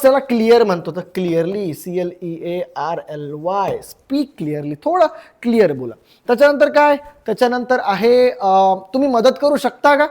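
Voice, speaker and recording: A man's voice: high-pitched, darkish tone. Chatty man teaching English phrases in Marathi. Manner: chatty, repeats each phrase, drawn-out English words.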